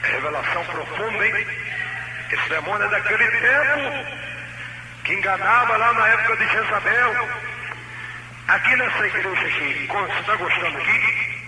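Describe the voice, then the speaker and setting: A man's voice: high-pitched, normal speed, long pauses. A man, a pastor, questions a possessed person in a mocking tone, heard from an old worn tape copy played back. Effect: worn tape copy played on a speaker. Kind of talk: deliverance session. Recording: hissy echoey worn cassette tape.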